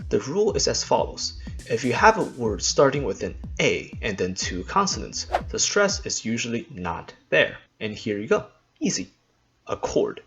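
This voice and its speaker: A man talks through pronunciation rules for an English test in a scripted lesson, dropping dry little jokes as he goes. His voice swings lively up and down with a gravelly fry at the edges. Soft music plays faintly underneath. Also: medium pitch. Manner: dry jokey asides while explaining pronunciation rules. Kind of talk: scripted instructional explanation.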